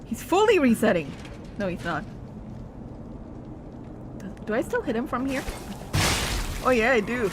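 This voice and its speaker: A woman's voice: a little high, big pitch swings, measured pace, pauses often, noisy background. A woman streaming a video game with casual, chatty commentary, swearing and laughing as she talks.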